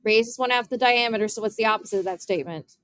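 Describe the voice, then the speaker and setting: A woman's voice: a little high, racing, a bit bright, clean tone, no room sound. A young woman math teacher giving a classroom geometry lesson, explaining step by step and often asking her students questions.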